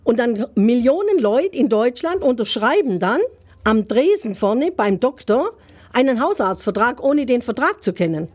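A woman's voice: fairly high pitch, big pitch swings, normal speed, a little mellow. Indignant, emphatic middle-aged woman. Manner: emphatic, indignant, rhetorical questions. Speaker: author and interviewee. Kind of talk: interview answers.

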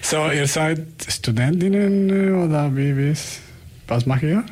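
A man's voice: a little high, a little slow, a little mellow. A man with a foreign accent, not a native German speaker, hosting a casual radio chat and often repeating and rephrasing his words. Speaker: radio host.

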